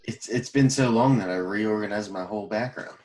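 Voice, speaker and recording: A man co-hosts a podcast from home over a call mic. He talks in a low voice and meanders with plenty of ums. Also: brisk, darkish tone. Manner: rambling, full of ums and laughs. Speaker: podcast co-host. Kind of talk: casual chat. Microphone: remote call mic.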